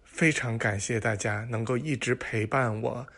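A man's voice: mid-range voice, fairly even intonation, moderate pace, fairly bright tone. A man hosting a joke show, telling corny dad jokes to listeners in a playful, teasing way and acting out the dialogue.

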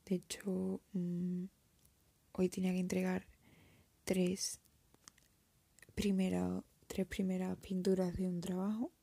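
Whispering young woman, breathy and gravelly. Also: lowish voice, no echo. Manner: soft whisper, hesitant and reflective. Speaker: art student. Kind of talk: whispered confessional vlog.

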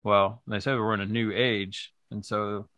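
A man hosting a podcast with a bright, forward tone and a dry, close sound. He talks in a laid-back, agreeable way and laughs easily, still a young adult. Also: lowish voice, little pitch movement, a little slow, no room sound. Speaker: podcast host. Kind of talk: casual podcast chat.

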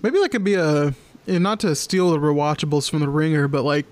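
A young man co-hosts a podcast in relaxed chat, leaning on "like" and small fillers between thoughts. His voice sits a bit higher than most men's. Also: a little fast, slight background noise. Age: young adult. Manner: filler-heavy, lots of "like". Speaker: podcast co-host. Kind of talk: casual chat.

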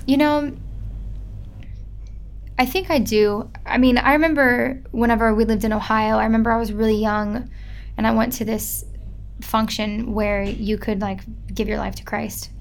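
A woman's voice: a little high, fairly even intonation, normal speed. A young woman, chatting casually as an interview guest and filling her talk with "like". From Midwest United States. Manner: chatty, lots of filler "like".

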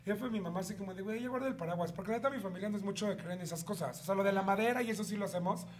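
A man with a Mexican accent, co-hosting a podcast and telling an animated, crude story full of slang and jokes. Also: sits high, very fast. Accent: Mexican Spanish. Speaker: podcast co-host. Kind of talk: casual chat.

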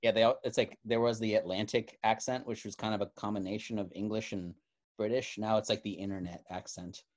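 A man's voice: on the low side, fairly even intonation, brisk. A man co-hosting a casual podcast chat, playful and teasing, laughing often. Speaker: podcast co-host.

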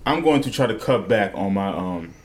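A man's voice: low voice, lively intonation, normal speed. A young adult man hosting a podcast, telling rambling, profanity-laced stories in casual banter with his co-hosts. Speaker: podcast host.

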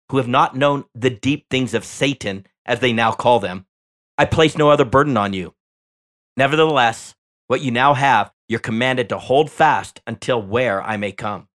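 A man hosting a Bible teaching podcast, reading scripture and commentary in a measured, deliberate way with slow, emphatic phrases. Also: mid-range voice, a bit bright.

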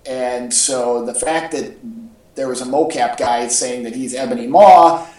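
A man with a mid-range, darkish voice speaks a little slowly while co-hosting an enthusiastic, rambling fan podcast about superhero movies. Recorded from a distance in echoey home audio, there's slight background noise.

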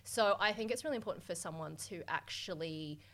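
A woman's voice: on the low side, a little fast. A young woman from Hong Kong, talking candidly and energetically about her work as a business coach in a podcast interview. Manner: energetic, candid, casual swearing.

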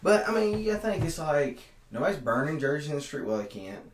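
A man's voice: a little high, big pitch swings, quick pace, a loud crowd. A man co-hosting a casual sports podcast, talking in a loose, laid-back way. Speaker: podcast co-host. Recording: roomy echo.

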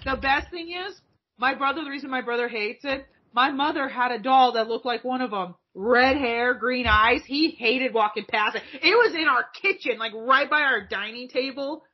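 A woman in casual chat, telling animated stories and swearing freely. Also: high-pitched, moderate pace, husky. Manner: profane, animated storyteller. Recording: dull lo-fi audio.

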